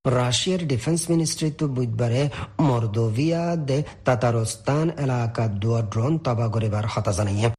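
A man's voice: mid-range voice, a little fast, a little mellow, breathy edge. A man with a Rohingya accent reading scripted news as a presenter in an AM and shortwave radio announcer style.

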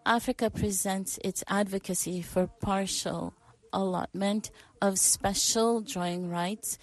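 A woman giving live simultaneous interpretation of a formal speech, pausing and restarting with fillers as she keeps up with the speaker. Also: mid-range voice, steady tone, low-quality recording. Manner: halting, with pauses, fillers and restarts while interpreting.

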